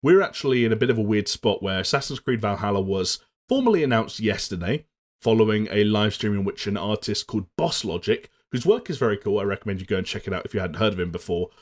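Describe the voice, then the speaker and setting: A man's voice: fairly low pitch, animated, fast talker. A young adult man co-hosting a casual gaming chat, talking fluently and steering the conversation with easy segues. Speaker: podcast co-host.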